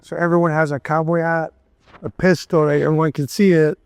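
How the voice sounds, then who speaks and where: This man in his thirties from Miami, USA, is a guest in a casual interview at a café, speaking loosely and dropping plenty of "you know"s. His voice sits on the high side, with a flat, fairly quick delivery, a clean tone, and a dry recording.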